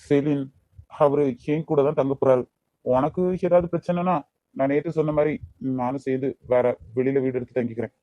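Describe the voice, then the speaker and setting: A man's voice: mid-range voice, fairly even intonation, a little fast, no room sound, lo-fi sound, natural voice. A man voicing a jealous, bossy young man in a cartoon, with a Kanyakumari Tamil accent. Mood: calm. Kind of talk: amateur cartoon voice acting.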